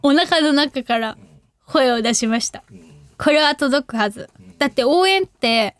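An unhurried young woman with a high, animated voice hosts a radio program, casually reading letters from listeners. She's bubbly and giggly, occasionally shouting out catchphrases.

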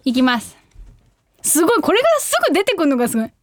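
Reading out listener letters on her radio show, a bubbly young host chats casually, giggles, and now and then yells her catchphrases. She talks fast in a high voice with big pitch swings. The recording is dry and cleanly studio-made.

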